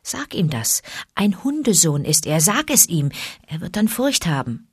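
A woman acting out a watchful male panther who speaks low and confidingly. The storybook voice stays quiet and deep-set, in a dry, close recording. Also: very animated, a little slow, husky, no room sound, heavily acted. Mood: urging.

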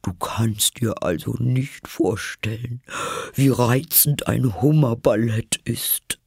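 A man voicing the Mock Turtle, a weepy, sorrowful sea creature from a storybook, in a breathy half-whisper. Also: mid-range voice, slow, dry recording, studio quality, voice pushed up, heavily acted. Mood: mournful whisper.

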